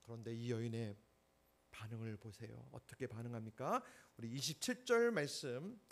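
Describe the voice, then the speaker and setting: A man's voice: mid-range voice, moderate pace, creaky. A male pastor preaching a Sunday sermon, emphatic and often putting questions to the congregation.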